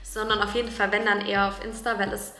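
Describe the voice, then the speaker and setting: This young woman's delivery is flat, quick and sharp-toned, sitting at a medium pitch. She's a lifestyle vlogger in her twenties chatting to the camera at home in a bright, modern apartment, keen and slangy. Music plays behind her, and the room sounds spacious.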